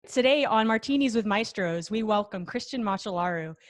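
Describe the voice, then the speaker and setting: A woman hosting an interview, reading a guest introduction in a clear, measured way. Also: medium pitch, animated, no room sound, clean studio sound, soft background music. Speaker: interview host.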